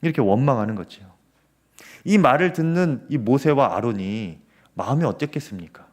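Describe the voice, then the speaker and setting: A man's voice: medium pitch, lively intonation, moderate pace, a little mellow. A male pastor preaching a sermon at a Friday prayer service, earnest, with many small fillers and rising emphasis. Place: church sanctuary.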